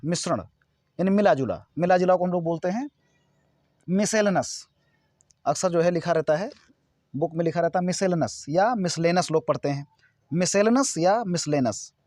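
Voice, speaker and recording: A man giving a casual English pronunciation lesson, slowly spelling words out letter by letter and repeating them. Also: sits high, a little mellow, no room sound.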